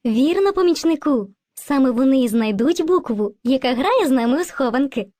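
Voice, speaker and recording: A woman voicing a kind, patient female spirit of language who teaches children, gently coaxing them with endearments in an educational cartoon. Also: high-pitched, animated, normal speed, dry recording, studio quality. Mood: gentle.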